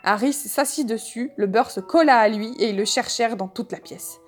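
A woman with a fairly high voice narrates a comic novel in a measured, wry manner. Soft music plays faintly underneath. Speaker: audiobook reader. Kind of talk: scripted narration.

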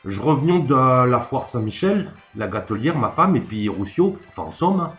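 A man voicing a clumsy peasant man who rambles in thick country dialect, stammering and halting. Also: medium pitch, big pitch swings, a bit bright. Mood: rambling. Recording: echoey room, faint music.

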